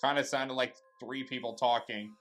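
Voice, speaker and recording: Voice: medium pitch, steady tone, moderate pace, fairly bright tone, soft background music. A ghost-hunt participant calling out short, blunt phrases and casual remarks on what is heard.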